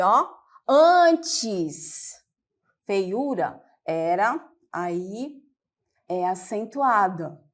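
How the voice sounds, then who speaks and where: A woman teacher with a Brazilian Portuguese accent gives a televised classroom lesson, explaining step by step and often checking that her students follow. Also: mid-range voice. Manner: slow and patient, explains step by step with check-ins.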